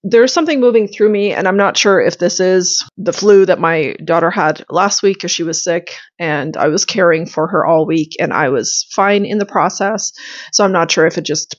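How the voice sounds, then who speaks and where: A woman's voice: on the low side, normal speed, highs cut off. A woman spiritual coach with a slightly congested voice, talking earnestly to camera in a flowing, meandering way. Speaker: spiritual self-mastery coach. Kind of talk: casual spiritual talk to camera.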